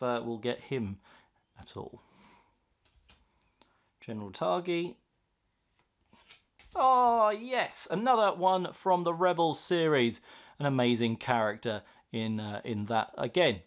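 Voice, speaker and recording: A man chatting casually and enthusiastically as he hosts an unboxing, reacting aloud to what he finds. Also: mid-range voice. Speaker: host of a card pack opening video.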